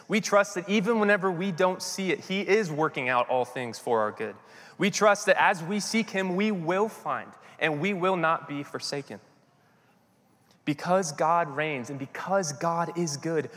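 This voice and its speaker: Man, pastor preaching, earnest, slow scripture reading, soft falling endings, church hall reverb. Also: fairly high pitch. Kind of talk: sermon.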